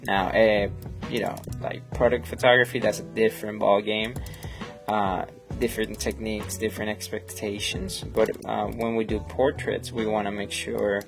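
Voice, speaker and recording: With music in the background, a man with a lowish voice and vocal fry talks at a moderate pace in a level tone. A native Spanish speaker with a Colombian accent, he edits photos on a live stream, chatting casually, rambling warmly, using lots of fillers and reading the chat aloud.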